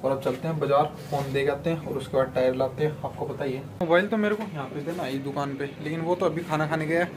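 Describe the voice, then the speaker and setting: A rambling young man talks to his viewers in a casual vlog, his voice sitting a little high for a man. He films on a phone, and faint background noise stays under his talk throughout. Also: quick pace, hardly any pauses. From Rajasthan, India. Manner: chatty and rambling, addresses viewers as guys. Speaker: vlogger. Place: home courtyard, then a clothing shop. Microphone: phone camera, no earphone mic.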